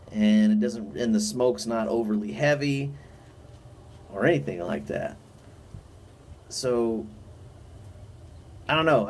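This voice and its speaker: A man's voice: medium pitch, a little mellow. A man with a mid-range voice talks through a review in a casual, chatty way. He is enthusiastic and emphatic, putting weight on his opinions. A light layer of noise sits behind the recording. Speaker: pipe tobacco reviewer. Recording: noticeable background noise.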